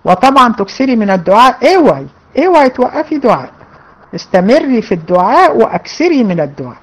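A woman's voice: lowish voice, vocal fry, dull audio, a little hiss or hum. A woman with an Egyptian Arabic accent, a religion teacher, reads out students' questions and answers them in a casual, conversational way. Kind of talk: casual Q&A lesson.

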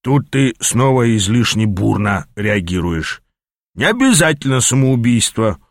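A man voicing a grumpy, worldly male demon mentor who lectures gruffly. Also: medium pitch, big pitch swings, unhurried, no room sound, studio quality.

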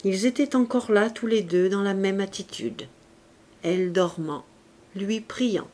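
A woman reading a classic novel aloud as an audiobook, in a calm, careful way. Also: mid-range voice, unhurried. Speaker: audiobook reader. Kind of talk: literary audiobook narration.

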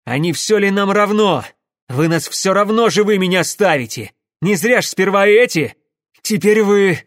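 Guy doing a wild-eyed engineer yelling his head off, higher than his own voice, super dry. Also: lively intonation, normal speed, dry recording. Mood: furious. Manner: shouting, frantic. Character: desperate wounded male engineer, furious and hysterical.

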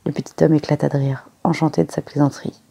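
An audiobook reader giving measured scripted narration of a novel chapter. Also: mid-range voice, little pitch movement, gravelly, warm tone, husky. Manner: measured storytelling.

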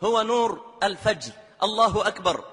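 A man's voice: high-pitched, lively intonation, moderate pace, fairly bright tone, slightly rough. A man preaching an emotional sermon as a story, often slipping into melodic chanting. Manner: dramatic, slides into melodic chanting of verses. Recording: long hall reverb with music behind.

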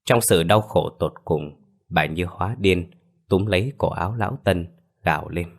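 A man narrating a scripted ghost story in a steady, dramatic storytelling manner. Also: low voice, moderate pace, creaky.

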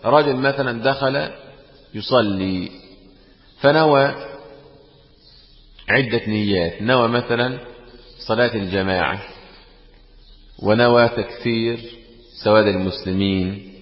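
A man's voice: fairly low pitch, measured pace, long pauses. A man teaching a religious lesson, often asking the class questions and repeating phrases. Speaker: teacher explaining hadith. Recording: echoey room, dull lo-fi sound.

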